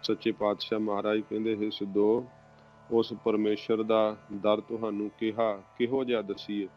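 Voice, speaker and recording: A man teaching scripture reading, reciting verses slowly and marking where to pause. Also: on the low side, flat delivery. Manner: slow, measured recitation of verses with pause instructions. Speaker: Gurbani teacher. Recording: dull lo-fi recording with faint music.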